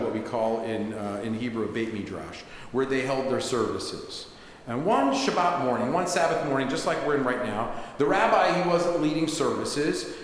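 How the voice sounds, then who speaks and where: Storytelling rabbi in echoey sanctuary. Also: male voice, medium pitch. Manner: conversational, with asides. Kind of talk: sermon storytelling. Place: synagogue sanctuary. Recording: echoey synagogue hall, faint hiss.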